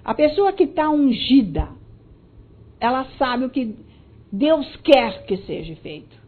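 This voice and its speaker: A woman with a Brazilian Portuguese accent preaching a sermon emphatically, moving between loud stresses and soft asides aimed at her listeners. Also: sits high, very animated, slow, slightly rough. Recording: tinny phone-like audio.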